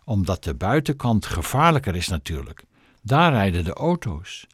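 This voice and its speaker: A kind, old-fashioned gentleman speaks with slow, deliberate courtesy, as a man reads him aloud. His pitch moves up and down freely as he talks. The recording is close and dry. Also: sing-song, husky, dry recording, full character voice.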